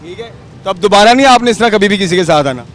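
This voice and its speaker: A man's voice: high-pitched, expressive, fast, fairly bright tone. A man with a Pakistani Urdu accent reporting from a city roadside, firing pressing questions at people. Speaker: street reporter. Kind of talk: on-the-street news report. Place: roadside outdoors in city traffic. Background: traffic.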